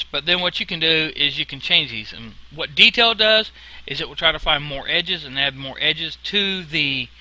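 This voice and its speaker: A man giving an informal software tutorial in a casual, folksy way, with a whistle on his s sounds. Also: on the high side, poor audio. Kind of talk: informal screen-recorded tutorial narration.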